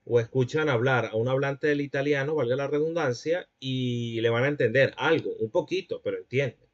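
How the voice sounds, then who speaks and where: A man's voice: mid-range voice, normal speed, dull audio. A man giving a classroom lecture, explaining points and checking that students follow.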